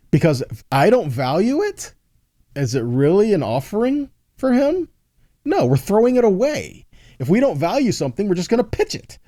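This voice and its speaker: A man with a mellow, somewhat high voice gives a conversational Bible teaching, explaining point by point. He often checks in with "okay?" and "right?". The recording is dry and clean, studio quality.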